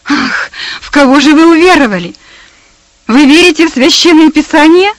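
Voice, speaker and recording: A woman's voice: high-pitched, moderate pace, no room sound, voice pushed up, natural voice, low-quality recording. A woman voicing a proud rich young woman in hysterical despair, crying out shrilly. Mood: frantic accusing.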